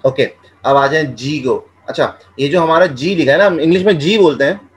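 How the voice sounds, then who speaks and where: A man teaching Chinese pronunciation, repeating each sound several times and explaining in a relaxed, conversational way. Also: on the high side, a little hiss or hum, low-quality recording. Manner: drills each sound slowly, repeating syllables. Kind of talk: classroom-style language lesson.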